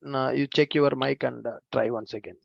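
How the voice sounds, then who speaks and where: A man's voice: medium pitch, fairly even intonation, normal speed, creaky, no room sound. A man instructor answering students' questions in a live online class over a video call, with short patient acknowledgements. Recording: dull lo-fi online call audio.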